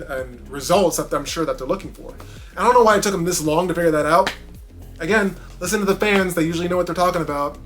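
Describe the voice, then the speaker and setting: Male film reviewer, slightly high voice, chatty and rambling, faint music under him. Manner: rambling, frequent restarts, animated swings in loudness. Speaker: movie reviewer. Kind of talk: casual spoken film review.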